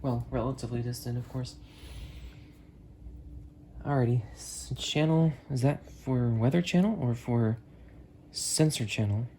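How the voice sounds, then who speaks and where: A man's medium-pitched, mellow voice comes a little slowly, with frequent pauses. He's an enthusiastic radio hobbyist reviewing weather radios on video, rambling casually to camera with friends, in a noisy amateur recording with a storm in the background.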